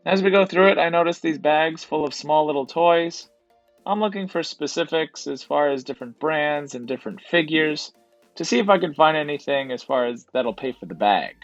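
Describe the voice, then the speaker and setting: A slightly high-voiced man with lively intonation walks viewers through his thrift store haul in a relaxed vlog voice-over, speaking at normal speed and frequently saying "to be honest." Soft music plays behind lo-fi audio with no room sound.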